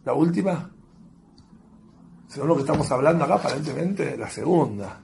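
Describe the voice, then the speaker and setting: A man's voice: on the high side, normal speed, creaky, a little hiss or hum. A man with a Rioplatense Spanish accent leading a group lesson, telling little scenes and asking the group questions. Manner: lively storytelling, asks the group questions. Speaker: workshop leader. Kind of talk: group lesson with role-play examples.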